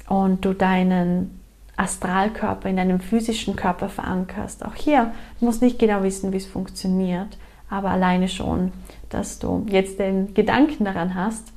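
Woman doing a guided meditation, mid pitch, gently telling you what to do, repeating her invitations. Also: steady tone, normal speed. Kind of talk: guided meditation, spoken directly to the listener.

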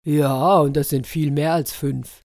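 Brief: woman doing a self-assured mocking elephant, low voice, storybook. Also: fairly even intonation, measured pace, a little mellow, no echo, studio quality. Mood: scoffing. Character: scoffing big male elephant.

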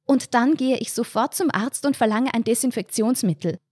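A woman voicing a fussy, squeamish woman tourist on holiday, fretful and quick to get agitated. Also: fairly high pitch, darkish tone, slightly rough, no echo, studio quality, voice pushed up. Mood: disgusted, agitated.

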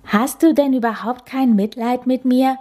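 A woman's voice: sits high, dark tone, voice pushed up. A woman voicing a bored, sulky little boy coati who whines and complains. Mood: whiny. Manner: whining, drawn-out complaining.

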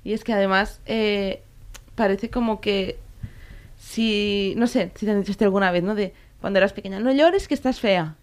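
A woman's voice: medium pitch, little pitch movement, normal speed. A woman in casual conversation about emotions, earnest and questioning. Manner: earnest, asks rhetorical questions.

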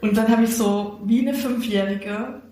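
A woman's voice: fairly high pitch, unhurried. Woman chatting on a podcast, telling a story and doing everyone's lines, very roomy echo. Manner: lively storyteller who acts out quoted dialogue. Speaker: podcast co-host. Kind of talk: casual storytelling chat. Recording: very echoey room.

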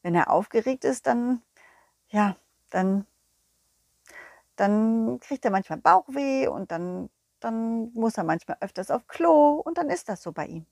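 A woman narrating a children's audio story as a friendly young dog, speaking warmly and sing-song straight to the kids. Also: fairly high pitch, lively intonation, unhurried, creaky, dry recording, studio quality. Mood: cheerful.

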